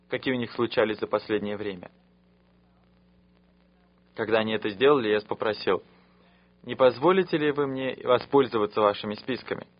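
A man preaches in an earnest, measured way at a middle pitch. His voice sounds dull and lo-fi, like an old radio sermon.

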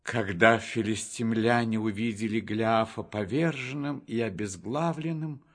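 Slow husky male storyteller. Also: fairly low pitch. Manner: measured and expressive, slow. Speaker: narrator. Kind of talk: storybook Bible reading. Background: faint music.

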